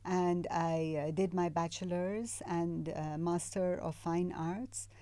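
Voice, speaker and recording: A middle-aged woman from Iran, a guest artist, speaking hesitantly with many pauses in casual interview chat. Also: on the low side, fairly even intonation, mellow, dry recording. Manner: hesitant, many fillers and restarts.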